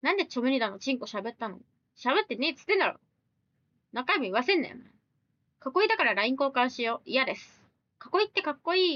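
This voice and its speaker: A woman with a high, bouncy voice that swings widely in pitch, chatting on a live stream. She reads viewer comments and answers them with blunt, teasing comebacks. The sound is dry and a little dull, like a small home mic. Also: a bit bright, no room sound. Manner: blunt, teasing retorts mixed with quick questions.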